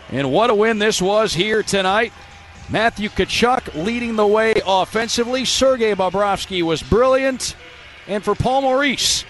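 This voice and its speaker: Male hockey radio caller, very high pitch, rapid excitable play-by-play, noisy arena behind him. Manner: excited, shouting on goals. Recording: radio broadcast over loud arena noise. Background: loud arena ambience.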